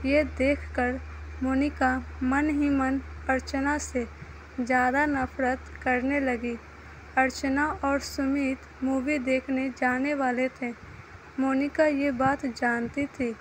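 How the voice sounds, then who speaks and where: Woman narrating slowly in a high voice. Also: little pitch movement, slight background noise, rough recording. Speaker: storyteller. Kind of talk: read-aloud story narration.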